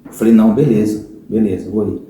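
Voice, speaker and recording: Low, dark-voiced Brazilian man in echoey room. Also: steady tone, fast, a little hiss or hum. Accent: Brazilian Portuguese. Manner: earnest storyteller, keeps saying "cara". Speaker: podcast guest. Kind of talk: personal conversion testimony.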